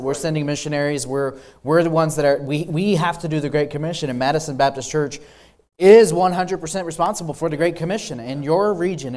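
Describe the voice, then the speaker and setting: Earnest young missionary man, mid-high voice. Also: a little mellow. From Peru. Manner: earnest, with frequent ums and apologies. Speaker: missionary speaker. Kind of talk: church missions presentation. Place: church sanctuary.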